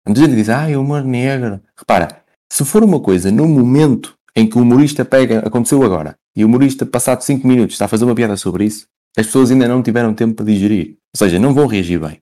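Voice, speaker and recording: Mellow Portuguese man explaining things casually. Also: medium pitch, very fast, few pauses. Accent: European Portuguese. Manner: repeats himself, checks listener follows.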